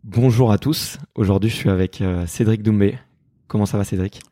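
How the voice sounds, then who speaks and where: A man's voice: fairly low pitch, normal speed, dark tone. A man hosting a podcast interview in a guest's living room, who asks circling, hesitant questions. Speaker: podcast host.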